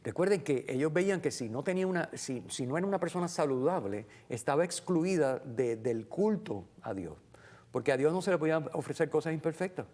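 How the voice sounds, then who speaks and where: A man reflecting on the Sunday gospel in a relaxed conversational way, with many fillers and acted-out quotes. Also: on the high side, a little fast. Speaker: guest commentator on the Sunday gospel. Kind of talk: casual Bible reflection.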